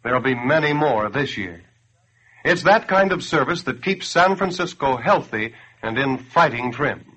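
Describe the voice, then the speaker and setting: The voice belongs to an American radio announcer and campaign spokesman from the 1940s era, making a scripted appeal with earnest, declamatory persuasion. He speaks at normal speed in a mid-range voice that is a bit bright, slightly rough and lively in intonation. The audio is a dull, grainy old radio broadcast.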